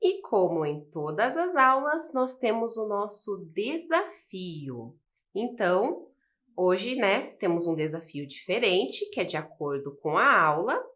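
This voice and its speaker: A Brazilian woman teaching a recorded class for schoolchildren. She talks slowly, with a lively, rising and falling voice, and keeps checking in with her viewers as she explains. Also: mid-range voice. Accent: Brazilian Portuguese. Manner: slow, patient explaining with frequent "né?" and "ok?". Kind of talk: recorded video lesson.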